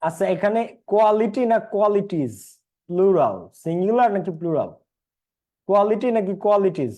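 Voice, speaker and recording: A man's voice: high voice, expressive, fairly quick, warm tone. A young man with a Bangladeshi Bengali accent teaching an English class online, repeating points and quizzing his students.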